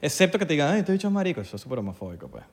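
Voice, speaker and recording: Man, Venezuelan Spanish accent, slightly high voice, very lively pitch, joking slangy banter. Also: racing, slightly rough. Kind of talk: casual chat.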